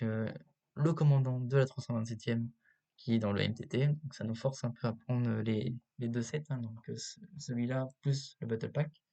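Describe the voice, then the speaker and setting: Mellow, hesitant man on cheap laptop mic. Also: medium pitch, gravelly. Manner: hesitant, halting delivery with many filler pauses. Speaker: YouTube host reviewing toy sets. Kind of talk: casual unscripted video commentary. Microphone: built-in laptop microphone. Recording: cheap built-in laptop microphone.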